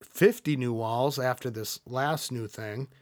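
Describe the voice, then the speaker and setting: A man's voice: medium pitch, measured pace, no echo. Rambling man hosting a podcast, dry sound. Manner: rambling, many fillers and restarts. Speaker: podcast host. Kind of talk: casual podcast chat.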